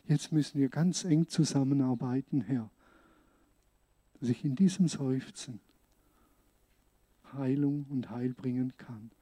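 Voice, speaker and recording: A man from Switzerland, preaching a sermon as a pastor in an earnest, conversational way with emphatic pauses. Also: mid-range voice, warm tone.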